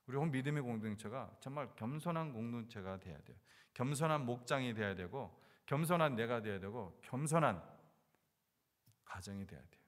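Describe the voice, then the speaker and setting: A man's voice: medium pitch, lively intonation, a little fast, long reverb tail. A male pastor preaching a sermon, asking the congregation questions and repeating key words for emphasis. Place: church sanctuary.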